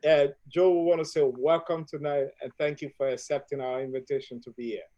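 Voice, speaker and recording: A man's voice: a little high, fairly even intonation, brisk, mellow, highs cut off. A man hosting a live-streamed family talk show, introducing his guest formally and asking long, winding questions. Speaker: host.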